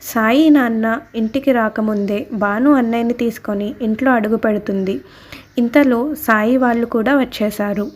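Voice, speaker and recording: A woman reading a story aloud as a storyteller, steady and scripted. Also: fairly high pitch, normal speed. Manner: reads all characters' lines in her own voice. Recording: soft background music.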